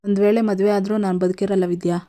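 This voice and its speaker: Woman as distraught young college girl, pleading, low-key delivery. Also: little pitch movement, quick pace, mellow, lightly acted. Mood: upset. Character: young college girl in love, tearful and desperate.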